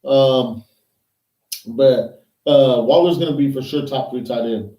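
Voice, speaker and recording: Dark-voiced man talking football casually. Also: medium pitch, unhurried. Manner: teasing, banters and needles his co-host. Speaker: podcast co-host. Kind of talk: casual sports chat. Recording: roomy echo, mic at a distance.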